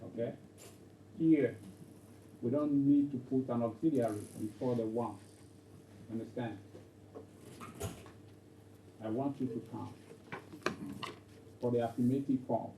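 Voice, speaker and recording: A man's voice: mid-range voice, fairly even intonation, measured pace, long pauses, dark tone. A man teaching an English grammar class, repeating points and checking with "okay?". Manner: repetitive, checks understanding with "okay?". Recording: roomy, distant, dull lo-fi, faint noise.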